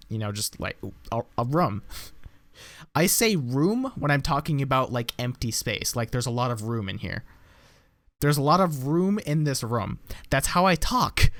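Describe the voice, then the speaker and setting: A young American YouTuber from the United States reacts to his old videos, rambling, putting himself down and swearing casually. His voice is fairly high, and the recording is dry.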